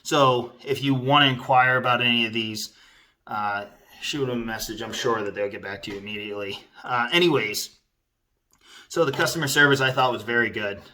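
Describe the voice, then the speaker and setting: A man's voice: medium pitch, fairly quick, pushed and bright. A man giving a casual product review in a rambling, conversational, informal way.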